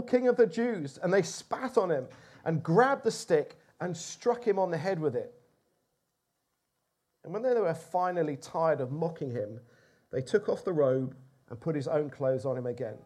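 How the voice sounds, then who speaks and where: Male preacher, high-pitched, expressive sermon storytelling. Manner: expressive, animated, with rising emphasis.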